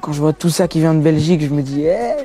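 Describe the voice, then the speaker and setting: Slangy teen, dark mellow voice. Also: male voice, on the high side, fast talker, slightly rough. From France. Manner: street slang, frequent "tu vois" asides; repeats words for emphasis. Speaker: young rapper interviewed. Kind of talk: casual interview talk.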